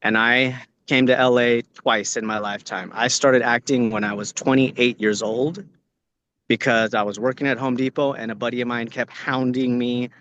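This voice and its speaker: Answering acting students' questions on a video call from an outdoor location, this American man from Orange County, California, offers casual, earnest advice and repeats phrases to stress his points. His voice is medium-pitched and steady at a moderate pace, a bit bright. The audio has its highs cut off and a slight hiss or hum.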